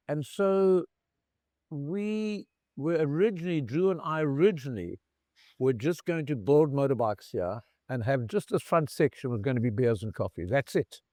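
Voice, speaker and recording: A man's voice: medium pitch, dry recording. Storytelling man, dry close sound. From South Africa. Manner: animated anecdotal storyteller, acts out dialogue. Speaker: bar founder, interview guest. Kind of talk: casual storytelling interview. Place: bar in Cape Town.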